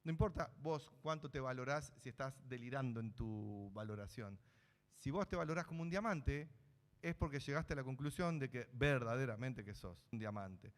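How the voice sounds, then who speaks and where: A rabbi with a Rioplatense Spanish accent teaching Kabbalah in a spoken lecture, asking the listeners questions and then answering them himself. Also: male voice, medium pitch, lively intonation, moderate pace, big-room sound.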